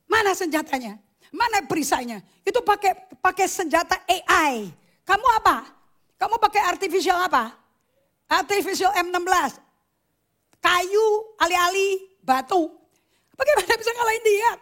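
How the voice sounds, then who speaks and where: A woman preacher voicing a scornful old king who mocks a young shepherd, speaking in a lower, dismissive tone. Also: sing-song, moderate pace, long pauses, a bit bright, exaggerated voice. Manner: dismissive, mocking.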